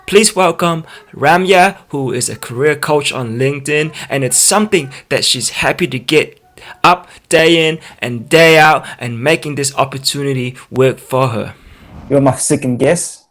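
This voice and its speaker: A man's voice: mid-range voice, unhurried, a bit bright. Rambling male podcast host. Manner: rambling, repeats words while asking. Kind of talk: conversational interview.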